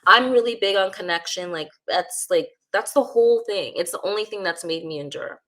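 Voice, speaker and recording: A woman with a bright, forceful tone and a somewhat low pitch, talking as an interview guest. She sounds candid and animated, and she peppers her speech with "like" as she goes. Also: a little fast. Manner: candid, animated, frequent "like" fillers. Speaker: guest speaker. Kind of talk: casual interview conversation.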